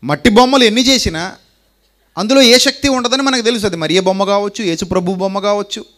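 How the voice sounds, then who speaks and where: High-voiced preacher asking rhetorical questions. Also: male voice, fast talker, a bit bright. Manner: rhetorical questions, repeating lines for emphasis. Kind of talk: sermon.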